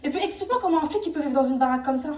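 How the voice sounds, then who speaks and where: An actress playing a stubborn, anxious woman in a drama, high-pitched and fast. She presses and pleads with questions, in an echoey room away from the mic. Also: lively intonation, dark tone, distant mic. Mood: insistent, questioning. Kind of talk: naturalistic film drama acting.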